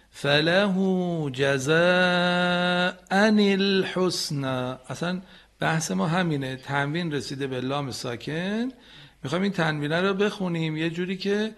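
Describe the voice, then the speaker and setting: Man, recitation teacher, radio lesson, patient corrections, slow chanted examples, slightly raised pitch. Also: a bit bright. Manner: corrects students patiently, models phrases slowly and chants them.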